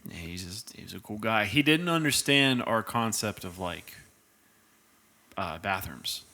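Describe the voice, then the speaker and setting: A man's voice: lowish voice, expressive, a little slow, sharp tone. A young man co-hosting a podcast, rambling in casual chat with lots of filler words. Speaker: podcast co-host.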